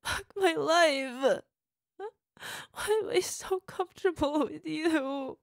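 In an audio roleplay monologue, an actress voices a volatile, bitter young girlfriend in tearful rage, her high voice threaded with gravelly fry. She talks slowly, sinking into hushed whispers and bursting into swearing. The sound is close and dry, with no room sound.

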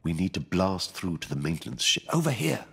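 An actor playing a genial, dryly jaunty British World War II mission guide in a video game, speaking in colloquial slang. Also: male voice, low voice, very animated, brisk, gravelly, noisy background, exaggerated voice. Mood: jaunty, instructive.

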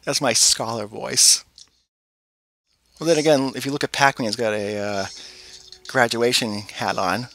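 A man's voice: mid-range voice, steady tone, unhurried, pauses often, sharp tone, no room sound. A man giving casual, jokey let's-play commentary on a retro game. He often stops to correct himself.

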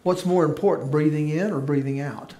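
A man's voice: a little high, fairly quick. A male pastor giving an informal sermon, joking easily with his congregation. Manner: relaxed, joking banter with congregation. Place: church sanctuary. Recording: echoey church room.

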